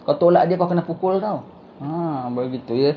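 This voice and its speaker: A man's voice: fairly high pitch, dull audio, a little hiss or hum. Man reading and explaining a religious book. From Singapore. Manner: reads slowly, then explains in casual asides full of rhetorical questions. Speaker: religious teacher.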